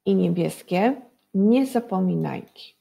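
Woman teacher, children's reading lesson, slow, patient, drawn-out syllables, gravelly. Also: mid-range voice, lively intonation, mellow. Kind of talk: early-school reading lesson.

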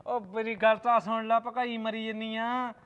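A man's voice: extremely high pitch, little pitch movement, moderate pace, clear, resonant tone, lo-fi sound. A man playing a flustered husband who pleads defensively to be heard. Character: flustered husband caught in a quarrel.

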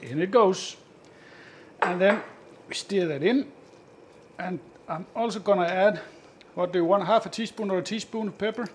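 A man hosting a cooking show, calmly explaining each step as he cooks, often chuckling. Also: high-pitched, normal speed, pauses often, a little hiss or hum. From Northern Europe. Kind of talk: casual cooking demonstration.

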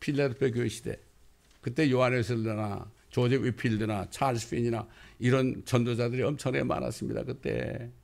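A male pastor delivering a sermon, telling stories and rising into loud quoted passages. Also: medium pitch, fairly even intonation, moderate pace, vocal fry. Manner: storytelling preacher, bursts into loud quoted lines.

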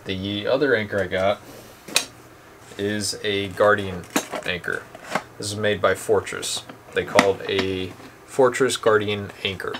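A young adult host presents two boat anchors at home in a dim indoor space, speaking plainly and relaxed with many ums. His pitch is fairly low and his pace measured, with noise in the background.

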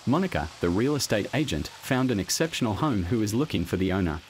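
A man reading a scripted documentary voice-over in a measured, even delivery. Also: on the low side, a little hiss or hum. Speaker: documentary narrator. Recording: voice-over with music bed. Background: background music.

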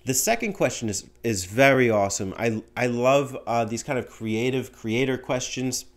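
Recorded at home in a small room with a bookshelf and window, a young man hosts a show answering viewer voicemail through a studio mic on a stand in front. He speaks at medium pitch and a moderate pace, animated and gesturing, rambling casually with lots of fillers.

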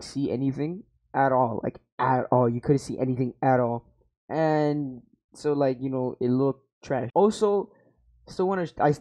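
A young man rambles over his old gaming footage, swearing freely and making fun of himself. Speaking into an over-ear headset in a small room at home, he has a dark, medium-pitched voice, and the recording is rough.

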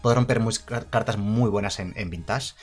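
A man talking casually through card previews, chatty and quick to correct himself. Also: on the low side. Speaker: card game youtuber. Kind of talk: casual card-review commentary.

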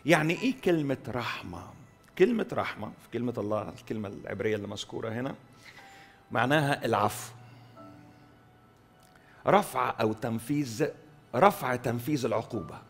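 A male pastor with an Egyptian Arabic accent preaching a sermon, pushing key words loud, letting line endings fall soft, and repeating phrases for stress. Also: medium pitch, expressive, gravelly, soft background music. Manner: emphatic, swings between loud stresses and soft drawn-out endings. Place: church hall.

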